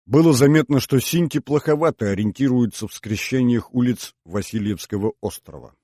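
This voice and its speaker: A man reads an audiobook in a calm, steady storytelling style. His voice sits in the mid range, and the recording is dry and studio quality.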